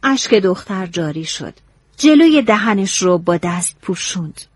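A woman narrating a novel in a storytelling, expressive way. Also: mid-range voice, husky, no room sound.

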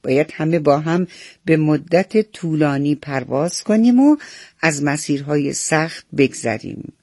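A man voicing the commanding ruler of a flock of birds in a children's story, calling out orders loudly. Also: on the high side, no echo, clean studio sound. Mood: rousing. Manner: loud, commanding announcements.

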